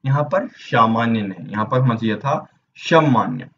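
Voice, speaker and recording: A man leads an exam-prep Hindi lesson at a mid pitch, spelling each word out letter by letter and stopping to ask the viewer which option is right. The recording is a little dull and lo-fi, with a faint hum of room noise behind his voice. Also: fast talker. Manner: spells words out letter by letter, asks the viewer questions.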